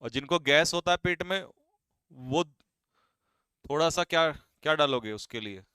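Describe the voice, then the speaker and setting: Brisk, teasing male exam-prep teacher; bright, crisp voice, slightly high. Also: expressive, dry recording, studio quality. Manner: brisk, quizzing students and teasing them. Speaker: English vocabulary teacher. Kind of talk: live online exam-prep class.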